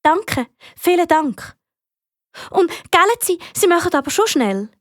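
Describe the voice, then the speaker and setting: A woman voicing an anxious, brave little schoolgirl in a high, excited childlike voice with a Swiss German accent. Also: measured pace, no room sound, clean studio sound, full character voice. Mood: shaky.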